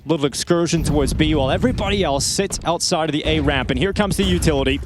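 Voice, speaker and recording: A man calling live esports play-by-play on a headset mic, quick and excitable, rising on the big plays. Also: on the high side, background noise. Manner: fast, excitable calls that rise on big plays. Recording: game sound effects behind the voice. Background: game gunfire and effects.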